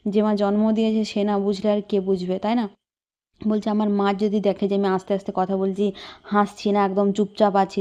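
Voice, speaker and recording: A woman telling a worried personal story in a casual vlog, speaking softly with many hesitations. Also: mid-range voice, highs cut off. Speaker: vlogger.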